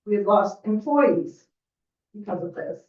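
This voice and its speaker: A woman's voice: medium pitch, expressive, unhurried, dark tone, far from the mic. A woman on the village staff speaking firmly and earnestly at a public board meeting. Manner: earnest, firm, upset. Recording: roomy, off-mic, dull meeting audio.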